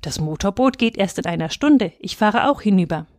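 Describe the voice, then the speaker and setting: A woman's voice: medium pitch, lively intonation, brisk, darkish tone, dry recording, clean studio sound, natural voice. A woman voicing a polite young Englishman who speaks formal, careful German in a storybook reading.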